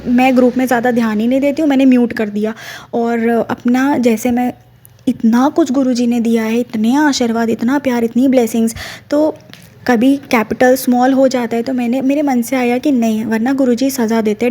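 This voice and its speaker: A middle-aged woman talks through a devotional testimony in a mellow, somewhat high voice. She tells her story earnestly and often turns to address her listeners directly. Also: fairly even intonation, normal speed. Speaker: devotee sharing a personal experience.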